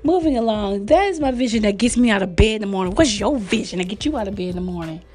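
A woman's voice: medium pitch, expressive, fast talker, darkish tone, soft background music. Chatty teasing woman podcaster. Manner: chatty, teasing, laughs often. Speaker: podcast host. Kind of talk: casual motivational chat.

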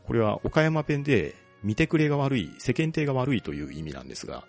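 A man co-hosting a podcast, explaining a topic calmly and methodically. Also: mid-range voice, fast, gravelly, soft background music. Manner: explains at length, calm and methodical. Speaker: podcast co-host presenting a local hero. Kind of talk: casual chat.

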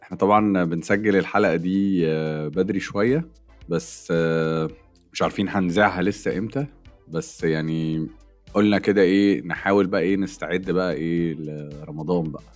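A man's voice: low voice, a little fast, darkish tone, faint music behind. A man with an Egyptian Arabic accent, chatting casually as a podcast co-host and mixing in English phrases. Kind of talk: casual chat between friends.

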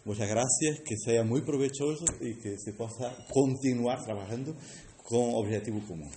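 A native Portuguese-speaking man with a Portuguese accent, giving a short public speech and haltingly searching for words. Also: medium pitch. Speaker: guest speaker at an event. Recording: echoey room with faint noise.

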